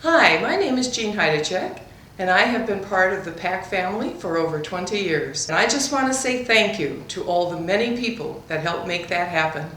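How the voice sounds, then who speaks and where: Woman usher, mid-pitched, grateful and sincere, roomy echo. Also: animated, moderate pace, a little hiss or hum. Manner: grateful, warm thanks. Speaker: volunteer usher. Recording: echoey roomy recording.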